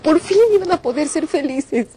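A woman's voice: sits high, moderate pace, warm tone, slight background noise, close to an everyday voice. An actress playing a sorrowful female maid who is lamenting in a telenovela. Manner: dismayed, lamenting. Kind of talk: telenovela acting.

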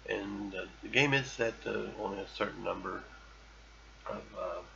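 A man's voice: on the low side, normal speed, vocal fry, pushed and bright, dull audio, a little hiss or hum. A man hosting a podcast, chatting casually as he plays an old online game, reading its text aloud with playful bravado. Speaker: podcast host. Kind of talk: casual gameplay commentary.

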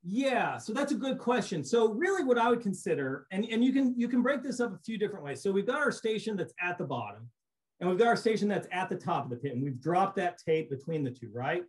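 A middle-aged man giving a relaxed recorded slideshow lecture on cave surveying over a webcam, explaining casually with frequent restarts. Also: high-pitched, brisk. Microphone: webcam on a video call.

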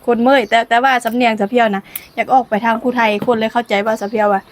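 Rapid-fire and steady in tone, this slightly high voice belongs to a Lao-accented cooking vlogger from Laos. Outdoors in the sunshine, she chats and laughs often as her niece films her on a camera.

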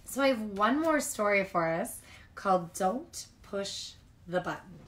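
Like a childcare teacher at story time, this woman reads picture books to young kids in an informal, expressive way. Her voice is medium-pitched and her pace is a little slow.

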